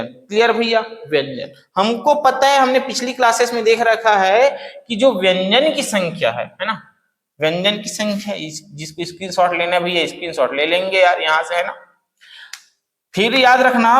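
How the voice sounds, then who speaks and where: A male teacher giving an exam-prep lecture, asking questions and answering them himself, and slowly repeating key phrases. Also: high-pitched, a bit bright. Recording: echoey room with long reverb.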